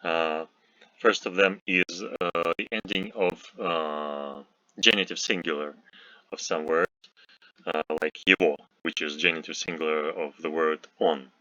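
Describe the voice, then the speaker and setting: Slow, deep-voiced Russian-accented male teacher. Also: steady tone, sharp tone, no echo, highs cut off. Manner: slow and deliberate, with frequent "uh" pauses and repeated example words. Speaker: language teacher. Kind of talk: recorded language lesson.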